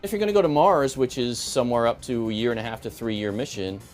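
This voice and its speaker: A man answering interview questions, explaining technical details in a relaxed way. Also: medium pitch, quick pace, over music. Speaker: engineer being interviewed.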